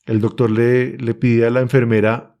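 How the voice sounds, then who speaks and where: A man's voice: medium pitch, level tone, normal speed, creaky, a little mellow. A young man with a Bogotá accent, telling an emotional personal testimony as a podcast guest in an urgent, earnest way. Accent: Colombian, Bogotá. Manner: earnest, urgent storytelling, reenacts his own pleas.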